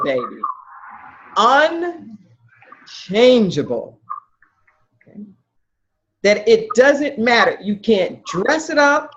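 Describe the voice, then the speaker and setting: An emphatic woman minister leads a class, quizzing her listeners and repeating their answers. Her voice is fairly high and very lively. The sound is dull and lo-fi, as from a video call. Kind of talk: interactive spiritual lecture.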